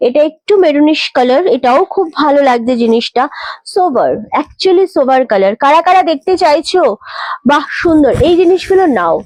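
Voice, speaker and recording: A young woman with a Kolkata Bengali accent, chatting through a live-stream sales pitch, urging viewers to book quickly. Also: lively intonation, darkish tone, no echo. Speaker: saree seller on a live stream. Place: boutique shop.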